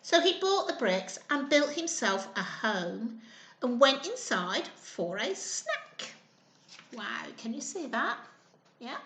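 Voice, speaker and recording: In a roomy, echoey indoor space with a little hiss or hum, a woman reads and chats at a children's storytime, encouraging small children in simple terms. Her high-pitched, sing-song voice moves at a slow pace with a fairly bright tone.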